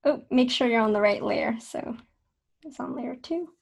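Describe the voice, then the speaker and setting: A young woman with a fairly high voice walks through a drawing lesson at her desk. She talks in a loose, chatty way, full of fillers, and changes her mind as she goes. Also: moderate pace, vocal fry. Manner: relaxed, chatty, with many fillers and self-corrections. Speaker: art instructor. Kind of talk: casual drawing tutorial.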